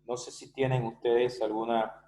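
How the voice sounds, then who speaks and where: A man's voice: mid-range voice, flat delivery, normal speed, mellow, low-quality recording. A male teacher giving an online math lesson, explaining step by step and often checking that students follow. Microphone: video call.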